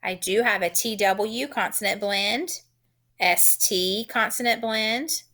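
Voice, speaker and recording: A woman teaching a phonics lesson, sounding out letters and syllables in a deliberate, encouraging way. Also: mid-range voice, pushed and bright.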